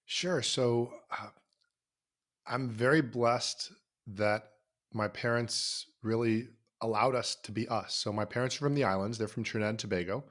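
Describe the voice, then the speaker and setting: A man's voice: medium pitch, moderate pace, a bit bright. A middle-aged man from South Florida, an entrepreneur answering interview questions in an upbeat, reflective way. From South Florida, USA. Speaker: podcast guest, entrepreneur.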